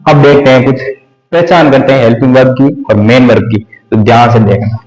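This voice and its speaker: A man teaching English grammar in Hindi, explaining slowly and repeating lists aloud while he writes. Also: mid-range voice, fairly even intonation, darkish tone, faint music behind. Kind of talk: classroom grammar lesson. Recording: echoey room.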